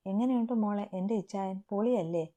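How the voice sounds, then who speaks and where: A woman's voice: mid-range voice, brisk, dark tone, lightly acted. A woman voicing a teasing, bossy young student friend, in a storybook reading.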